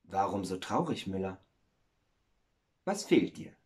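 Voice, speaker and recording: A man voicing a friendly female water spirit in a told fairy tale, speaking softly and coaxingly. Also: on the high side, huge pitch swings, a little slow, pitched above the performer's own voice.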